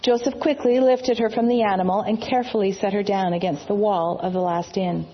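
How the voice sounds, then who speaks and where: A woman narrating a storybook reading in a measured, reverent manner. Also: medium pitch, fairly even intonation, highs cut off, slight background noise.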